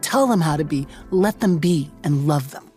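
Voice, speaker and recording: A woman's voice: low voice, lively intonation, normal speed, faint music behind. A woman hosting a podcast as a reverend, talking in an exuberant, emphatic, playful way. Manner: exuberant, emphatic and playful, shifts between loud and soft. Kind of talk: casual podcast conversation. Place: New York.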